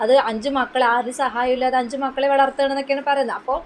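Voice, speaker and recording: A woman commenting on another person's video, explaining in a steady way. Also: high-pitched, racing, a little hiss or hum, rough recording. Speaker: YouTube commentator.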